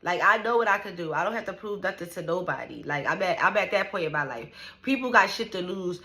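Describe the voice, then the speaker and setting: A vlogger in her early thirties vents about her life directly to her viewers. She's blunt, profane and animated, trailing "like" and "you know what I'm saying" throughout. Her voice sits a little low but sounds bright and forceful.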